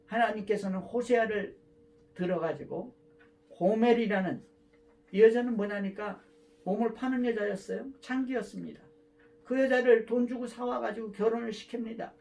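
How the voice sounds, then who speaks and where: A man preaching a sermon as a pastor, emphatic, moving between loud cries and soft asides. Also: very high-pitched.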